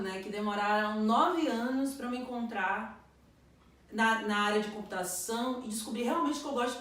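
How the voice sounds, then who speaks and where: A woman in her thirties from Northeast Brazil, giving an earnest, reflective personal testimonial about her career in computing. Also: fairly high pitch. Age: 30s. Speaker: computer science graduate. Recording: echoey room, distant mic.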